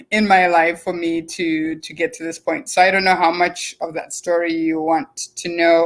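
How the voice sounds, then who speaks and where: A woman in her forties from Zimbabwe speaks with a mixed Zimbabwean, English and American accent. She tells her story casually as an interview guest and laughs easily. Her voice is fairly low for a woman. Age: 40s.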